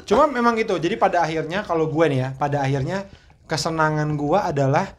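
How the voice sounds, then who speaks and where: A man's voice: fairly high pitch, quick pace. A man co-hosting a comedy podcast, telling family anecdotes in casual chat and acting out what relatives said. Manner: animated, acts out relatives' lines when retelling.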